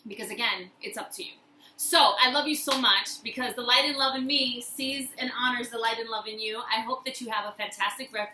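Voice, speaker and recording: Speaking emphatically to the viewer, the woman hosting this personal-growth video uses a slightly high voice that comes across pushed and bright. Repeated phrases reinforce each point of her motivational talk, heard with roomy echo and faint background noise.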